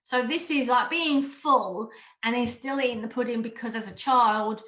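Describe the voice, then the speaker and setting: A woman gives an online coaching lesson in a high, bright voice. She is direct and emphatic and drives her points home by repeating them. The sound is roomy and echoey. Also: normal speed. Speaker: mindful eating coach. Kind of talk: online course talk.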